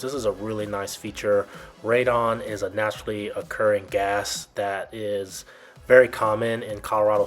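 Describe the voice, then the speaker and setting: Narrating a walkthrough video as a builder's guide, a man with a fairly low voice gives an explanatory video tour. He speaks plainly and instructively with informal phrasing and a fairly even delivery, while music plays clearly in the background.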